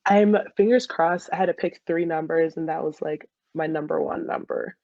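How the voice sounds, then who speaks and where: Guesting on a podcast, a soccer player in her twenties with an American accent tells giggly, animated stories packed with quoted dialogue in a casual chat. Her voice sits low at a moderate pace, and the audio is dry and dull.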